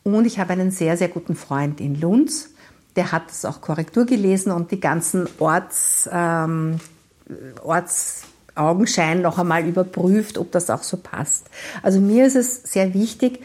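A woman novelist from Lower Austria with an Austrian accent, reading her crime novel and talking thoughtfully about her writing. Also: darkish tone. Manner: thoughtful, explanatory. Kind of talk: author reading and interview.

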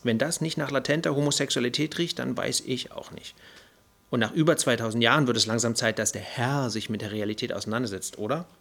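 A man's voice: medium pitch, fast, gravelly, fairly bright tone. A man voicing a brash, irritable male fallen angel who rants in a flippant, indignant way. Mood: ranting. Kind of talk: audiobook character voice.

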